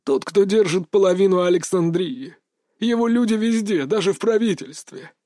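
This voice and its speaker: A man voicing a frightened old male smuggler, tearful and pleading, in a high strained voice. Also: normal speed, dark tone, a little hiss or hum, close to an everyday voice. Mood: bitter.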